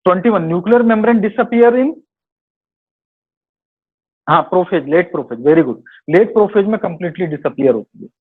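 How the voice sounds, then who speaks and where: A man's voice: high voice, expressive, moderate pace, long pauses, breathy edge. A male biology teacher in a live online class, going over quiz answers in Hindi mixed with English terms, correcting himself and calling students "beta". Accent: Hindi-English code-mixing. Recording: tinny phone-like online class audio.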